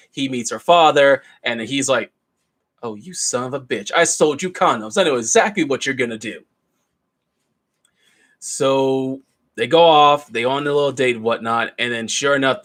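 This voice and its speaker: A man's voice: medium pitch, fairly bright tone. A man giving a casual, rambling film review, retelling the plot loosely with plenty of asides. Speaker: movie reviewer.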